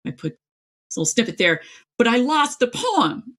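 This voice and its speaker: A middle-aged author from East Tennessee in the United States talks casually and emphatically as an interview guest, rambling through her stories in chatty conversation. Her voice is on the high side and fairly bright, with big pitch swings, at a normal speed.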